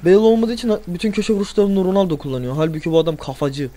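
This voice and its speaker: A young man narrates his football video game in a high, bright voice. He is excitable and curses freely, yelling at his players whenever they miss a shot, then chatting casually to his viewers. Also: racing. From Turkey. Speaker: gaming channel host. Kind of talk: let's play commentary.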